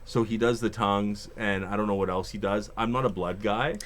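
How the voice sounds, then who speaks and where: A man's voice: fairly low pitch, steady tone, brisk, a bit bright. Joking man hosting a podcast. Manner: joking, teasing, puts on silly voices. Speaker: podcast host. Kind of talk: casual chat. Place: podcast studio.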